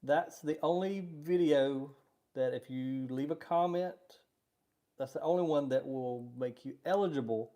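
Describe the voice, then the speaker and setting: A man's voice: mid-range voice, a little slow, dark tone. A middle-aged man co-hosting a live stream, chatting casually and rambling with easy laughter. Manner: easygoing, rambling, laughs often.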